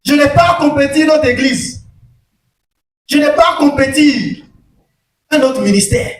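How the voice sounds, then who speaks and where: A man preaching a sermon, calling out "alléluia" often and asking the congregation questions, switching between quiet asides and sudden shouted emphasis. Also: extremely high pitch, a little slow, far from the mic. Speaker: pastor. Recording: echoey room, voice off-mic.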